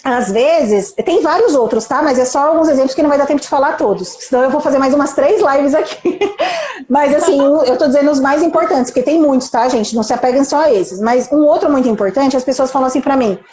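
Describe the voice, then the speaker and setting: Brazilian nurse leader, high voice, mellow tone, emphatic motivational live talk with faint background hiss. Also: female voice, fairly quick, reverberant. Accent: Brazilian Portuguese. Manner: emphatic, rhetorical questions, acts out quotes. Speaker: nurse manager and mentor, live guest.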